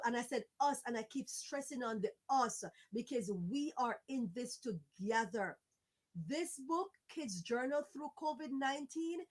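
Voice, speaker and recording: A woman from Jamaica pleads with listeners on a livestream, leaning on repetition and a preacher-like rhythm. She speaks slowly and deliberately, her voice sitting a little above the usual range for a woman. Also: a little high. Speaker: fundraising campaign speaker. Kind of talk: impassioned livestream appeal. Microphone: livestream microphone.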